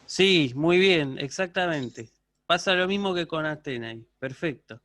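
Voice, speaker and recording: A man's voice: a little high, expressive, a little slow, fairly bright tone. A man teaching a university Greek class over a video call, patiently checking in with his students. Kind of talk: online lecture.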